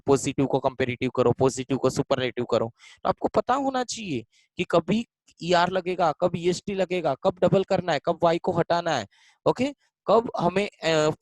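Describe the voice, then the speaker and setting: A male teacher runs an exam-focused grammar lesson, his pitch rising and falling a lot as he drills each point over and over. He keeps asking questions and answering them himself, and slips English phrases into his explanations. The sound is dry and close, with no room echo. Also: a little mellow.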